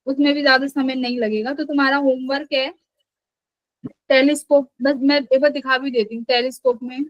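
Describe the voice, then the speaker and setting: A young woman with a high voice leads a live online physics class. She explains step by step and keeps checking that her students understand. Her voice sounds dry and close, with no room echo. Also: steady tone, brisk, dull audio. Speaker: physics teacher.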